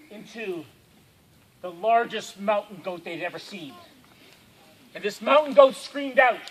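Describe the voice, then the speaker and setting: A man telling a campfire story at a camp, dramatic and swinging from hushed to loud. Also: very high-pitched, husky, low-quality recording.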